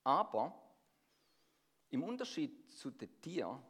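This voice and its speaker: Husky, fairly bright, and on the high side, this middle-aged preacher's voice is very animated though slow. Originally from near Stuttgart, he speaks with a Swabian accent tinged by Swiss German and invites the congregation in through questions.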